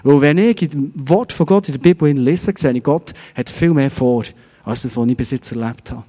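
Swiss German male pastor, middle-aged, mellow sermon tone, long church reverb. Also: mid-range voice, normal speed. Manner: preaching in rhetorical questions.

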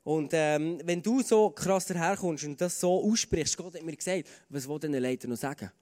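A Swiss German man preaches a sermon with a slightly high voice. He talks earnestly and conversationally, often restarting phrases. His words ring out with a long reverb from a large church hall. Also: normal speed, darkish tone. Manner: earnest, conversational, with fillers and repeated starts. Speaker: pastor. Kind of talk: sermon with personal stories.

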